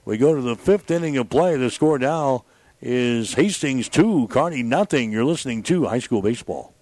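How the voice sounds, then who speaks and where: A man's voice: mid-range voice, expressive, normal speed, a little mellow, no echo. Male baseball play-by-play announcer, mid-range voice. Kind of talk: live radio sports commentary.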